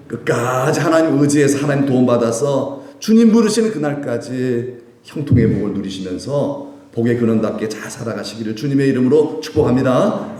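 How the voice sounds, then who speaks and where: A man's voice: mid-range voice, darkish tone. A male pastor preaching a sermon, asking the congregation questions and acting out the people he quotes. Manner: call-and-response preaching, acting out quoted voices. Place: church sanctuary. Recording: echoey church room.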